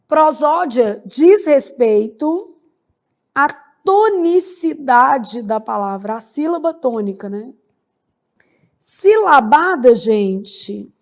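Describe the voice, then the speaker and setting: Woman teaching grammar; high, slow delivery, checks in with her class after every point. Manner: slow, spells out words syllable by syllable, frequent "né?" and "beleza?". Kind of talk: grammar lecture.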